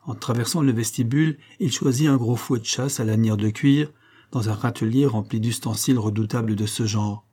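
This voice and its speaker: A male audiobook narrator reading a classic novel with measured, steady delivery. His voice is husky and dark, mellow rather than bright. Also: mid-range voice. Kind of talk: scripted literary narration.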